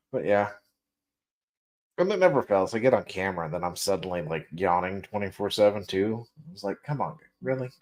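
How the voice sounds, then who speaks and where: Laughing man with a low voice, tired. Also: expressive, moderate pace, pauses often, a little mellow. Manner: joking, laughing often, trailing restarts. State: tired, yawning. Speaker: podcast host. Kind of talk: casual livestream chat.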